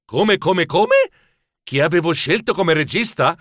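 An actor playing an anxious, fussy male mouse telling his own story in an audiobook, expressive and easily flustered. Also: a little high, unhurried, no echo, studio quality, full character voice. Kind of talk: audiobook narration.

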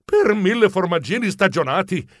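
A man narrating a comic children's story in the first person, in an animated, expressive telling. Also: sits high, normal speed, no room sound, studio quality. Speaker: audiobook narrator.

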